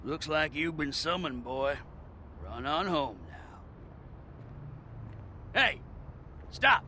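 An actor playing a taunting, commanding biker gang villain in a video game, speaking deliberately. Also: male voice, fairly high pitch, expressive, bright, forceful tone, a little hiss or hum, full character voice. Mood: mocking. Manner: mocking, deliberate. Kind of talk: video game cutscene acting.

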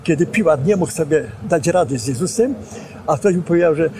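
An older man with a high voice recalls his teachers with lively, gesturing storytelling. He stands outdoors and is picked up on a boom microphone, with faint ambient noise around him. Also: a little fast. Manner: animated storyteller, gestures while speaking, acts out quotes. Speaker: former student and preacher recalling his teachers. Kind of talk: reminiscing interview. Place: outdoors on a campus lawn.

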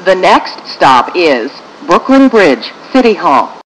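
A woman with an American accent reads scripted train station announcements in measured, formulaic phrases. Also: fairly low pitch, big pitch swings, slight background noise, low-quality recording.

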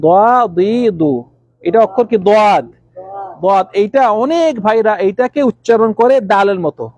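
A man teaching Arabic letters to a class, calling on students by name and repeating letter sounds slowly. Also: sits high, expressive, darkish tone, no room sound, muffled recording.

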